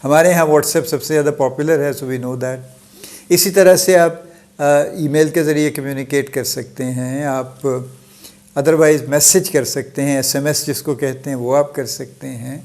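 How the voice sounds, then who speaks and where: Delivering an informal lecture on his own, a middle-aged host speaks in a somewhat high voice with a steady tone. He's conversational and unhurried, slipping English phrases into his explanations, adding easy asides, soft chuckles and the occasional restart.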